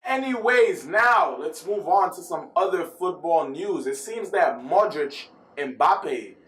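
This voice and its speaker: A football vlogger filmed at his US home speaks slowly and expressively in a slightly high, bright voice, captured by a distant mic with plenty of reverb. He rambles casually through the news, chatting and correcting himself frequently.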